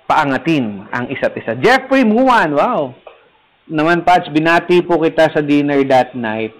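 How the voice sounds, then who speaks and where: Male parish priest, casual livestream host; light, somewhat high voice; playful and teasing. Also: sing-song, a little slow, poor audio. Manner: playful, teasing, laughs at own jokes. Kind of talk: casual livestream chat reading viewer comments. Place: rooftop garden, third floor.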